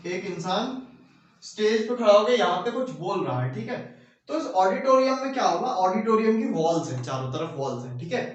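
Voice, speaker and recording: A male teacher giving a classroom lecture with a Hindi accent, repeating phrases and checking in with his class, slowing down to dictate notes. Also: high-pitched, big pitch swings, lo-fi sound. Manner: repeats phrases, keeps asking "ठीक है"; slows down while dictating notes. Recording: very echoey room, mic far off.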